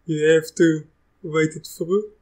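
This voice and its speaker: Chatty South African-accented man, flat tone. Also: on the high side, slow pace, low-quality recording. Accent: South African, with a bit of Russian. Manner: chatty, easygoing, restarts sentences often. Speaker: tech tutorial host. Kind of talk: live screen-recorded software tutorial.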